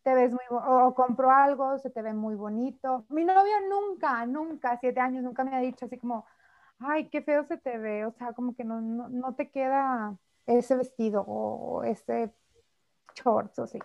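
High-voiced Mexican woman chatting casually. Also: normal speed, creaky. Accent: Mexican Spanish. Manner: chatty, frequent fillers, mimics quoted speech. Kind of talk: casual chat. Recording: slightly dull lo-fi audio.

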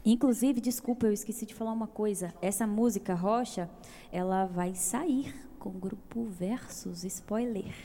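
A young woman with a Brazilian accent, a singer guest telling her story in a giggly, animated way. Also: mid-range voice, normal speed, slight background noise. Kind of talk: casual interview.

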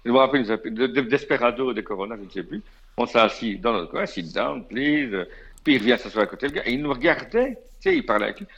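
A Belgian man with a Belgian French accent, a guest on a radio show, telling a casual anecdote in a chatty, animated way with plenty of fillers and asides, in a slightly dull radio recording. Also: medium pitch, rapid-fire, slightly rough.

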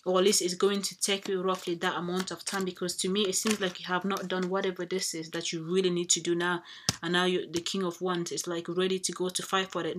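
A woman talks through a tarot spread in a casual, meandering way, circling back and restarting her sentences as she goes. Her voice sits a little low for a woman. A faint hiss runs under the recording. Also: a bit bright. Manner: rambling, thinking aloud with many fillers and restarts. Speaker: tarot reader.

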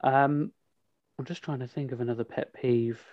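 Young male podcast host, casual rambling delivery, average pitch, dry close recording. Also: fairly even intonation, moderate pace, dry recording, muffled recording. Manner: chatty, rambling with many ums. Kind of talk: casual chat.

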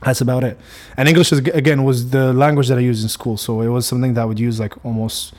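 He talks fast in a flat, mid-range voice with a darkish tone. The speaker, a young Moroccan podcast host whose first language is Arabic, has a Moroccan accent. On his casual solo podcast he rambles, with lots of restarts and fillers.

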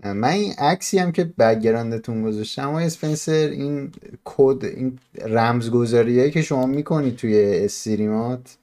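A man hosts a casual podcast. His voice is mellow and relaxed, at an ordinary male pitch. He talks in a bantering, conversational way. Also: few pauses. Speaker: podcast host.

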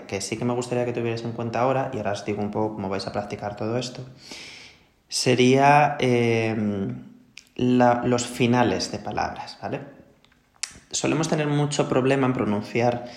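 A man from Spain with a Spanish accent gives an English pronunciation lesson, explaining patiently and checking in with his students. His voice has a gravelly edge. The recording sits in a noticeably echoey room. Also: mid-range voice, darkish tone. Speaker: English teacher.

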